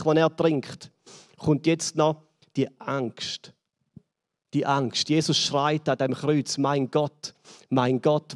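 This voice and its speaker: A man with a Swiss German accent preaching a sermon, building dramatically and then dropping to hushed lines. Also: long reverb tail. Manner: dramatic, swells and drops in pitch and volume. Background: band playing softly.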